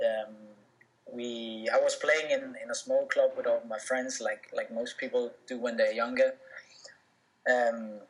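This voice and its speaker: A young Danish professional footballer, a native Danish speaker, answers interview questions casually with many fillers and restarts. His voice is medium-pitched and a bit bright, and the recording is rough.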